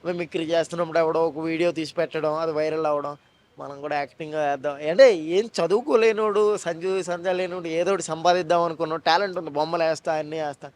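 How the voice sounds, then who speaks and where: A man talks at a rapid clip in a fairly high voice. He tells his stories in a casual interview with animated, joking asides. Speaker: actor and mimicry artist.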